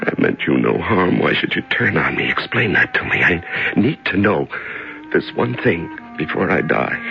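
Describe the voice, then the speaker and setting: A stammering prisoner gone half mad. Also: male voice, deep voice, sing-song, vocal fry, soft background music, full character voice. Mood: pleading. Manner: halting, stammering, tender then trembling. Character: man shaken after weeks locked in darkness. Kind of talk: 1970s radio drama acting. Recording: dull old radio broadcast.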